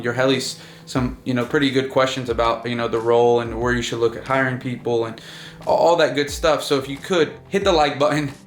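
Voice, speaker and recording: Indoors at night, a business owner in his twenties hosts a casual vlog, chatting loosely with many fillers and restarts. His mid-range voice is a bit bright, and the sound is reverberant.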